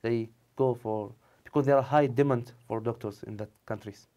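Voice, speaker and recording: A medical student in his twenties from Saudi Arabia, of Tunisian family, answers questions as a guest in a conversational TV interview, speaking halting, repetitive non-native English with an Arabic accent. His voice is medium-pitched, mellow, and fairly even in intonation. Recorded on a lapel mic in a dark indoor TV studio, the sound is lo-fi.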